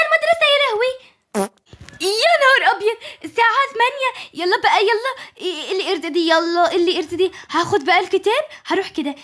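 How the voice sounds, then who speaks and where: A woman's voice: extremely high pitch, a bit bright. A woman voicing a frantic, dramatic schoolgirl in a doll-game role-play, full of squealing exclamations. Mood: panicked.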